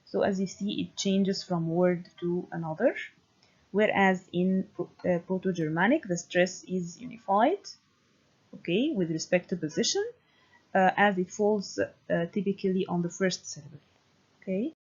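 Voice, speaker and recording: A woman giving a recorded university lecture, speaking deliberately and often pausing to check understanding with "okay". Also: lowish voice, darkish tone, breathy edge. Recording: dull lo-fi recording.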